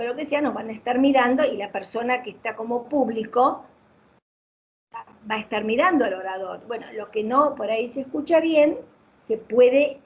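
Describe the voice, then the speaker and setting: A middle-aged woman with a Rioplatense Spanish accent giving an online lecture on public speaking, leaning on pitch changes for emphasis. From Argentina. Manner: didactic, varies pitch widely for emphasis. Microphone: video call. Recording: muffled video call audio.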